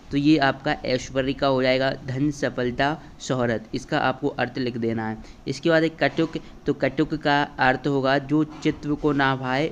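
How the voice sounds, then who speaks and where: A man's voice: mid-range voice, lo-fi sound, slight background noise. A male teacher walking children through an exam paper step by step, checking in often as he explains. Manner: explains step by step, addresses children, repeats "है ना" and "ठीक है". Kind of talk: exam paper walkthrough lesson.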